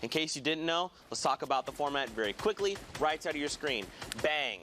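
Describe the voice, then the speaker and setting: A man casting a live esports match with energetic, jokey play-by-play. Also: a little high, brisk, slight background noise. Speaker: esports caster.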